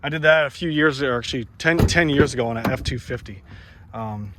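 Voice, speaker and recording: A man's voice: mid-range voice, a little fast, noisy background. A man giving a casual walkaround of a truck for sale outdoors, talking in a rambling, enthusiastic way with plenty of ums and uhs. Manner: rambling, filler-heavy, enthusiastic. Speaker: truck seller. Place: outdoors beside a parked truck.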